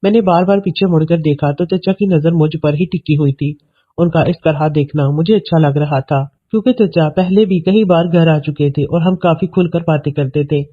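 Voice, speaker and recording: Guy narrating a story, steady even read, kinda high voice, phone-like tinny audio.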